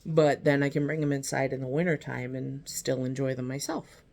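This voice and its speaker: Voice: medium pitch, fairly even intonation, normal speed, creaky, darkish tone. A gardening vlogger chatting casually through an unboxing, rambling with lots of fillers and apologetic asides, sometimes reading packet text aloud. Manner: reads seed-packet descriptions aloud. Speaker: gardening video host. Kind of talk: casual unboxing and seed review.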